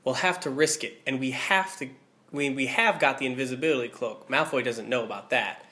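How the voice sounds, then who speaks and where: A woman voicing a determined young boy wizard in a lowered, firm voice. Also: brisk, fairly bright tone.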